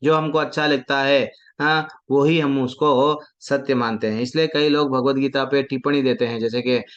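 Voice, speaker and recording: A man preaching from a devotional text. He asks questions, answers them himself, and chants verses slowly. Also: medium pitch, fairly even intonation. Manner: mixes Hindi with English words. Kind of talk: devotional scripture talk. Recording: dull lo-fi sound.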